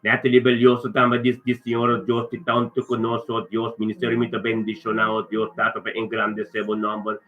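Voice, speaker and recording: A man's voice: lowish voice, monotone, normal speed, hardly any pauses. Man praying fervently over a phone line. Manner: repetitive, chanting refrains of praise. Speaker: pastor leading prayer. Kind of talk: fervent spoken prayer. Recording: tinny phone-line sound.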